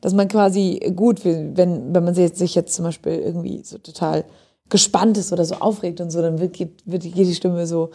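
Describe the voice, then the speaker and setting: A woman's voice: lowish voice, steady tone, moderate pace, dark tone, slightly rough. A woman chatting casually as a podcast co-host, eagerly explaining things with examples. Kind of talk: casual chat. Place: lives in Sweden.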